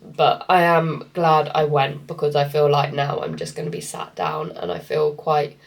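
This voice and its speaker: This woman talks to camera in a relaxed fitness-coach vlog, her low voice very animated at a normal speed. She sounds congested from a cold and rambles, filling gaps with fillers.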